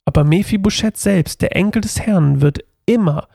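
A man's voice: sits high, moderate pace, gravelly, mellow, dry recording, clean studio sound, voice pushed up. A man reading as King David, gracious. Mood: kind. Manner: read aloud with slight lift.

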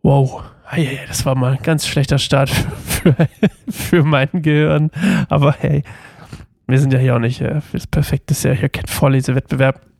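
This Bible reading podcast host reads a passage in a mid-range, warm, soft voice with some gravelly fry, keeping a flat delivery at normal speed. He reads steadily apart from small slips and restarts, then discusses it loosely with fillers. The recording is close and dry, with no room sound.

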